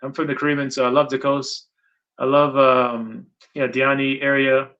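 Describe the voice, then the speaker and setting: Bright-voiced middle-aged man, rambling interviewer. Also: mid-range voice, flat delivery, moderate pace. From Guyana. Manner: rambling, repeats points for emphasis. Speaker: interviewer and channel host. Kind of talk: casual interview talk. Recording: dull lo-fi sound.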